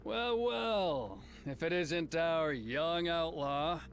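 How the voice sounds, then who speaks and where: A man's voice: on the high side, lively intonation, very slow, a bit bright, a little hiss or hum, voice pushed up, full character voice. A man voicing a smug Western lawman villain for a game, with a taunting, theatrical delivery.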